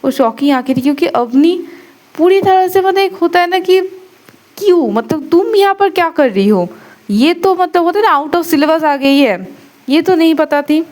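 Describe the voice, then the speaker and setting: Chatty lady telling a story, high voice, lots of um-like fillers. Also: expressive, moderate pace, darkish tone. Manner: chatty, loose with many fillers. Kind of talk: casual story narration.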